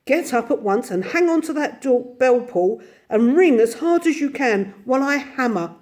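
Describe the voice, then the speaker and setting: A woman's voice: high voice, expressive, normal speed, a little mellow, pitched above the performer's own voice. A woman voicing an eager, earnest water rat. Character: brisk practical male water rat.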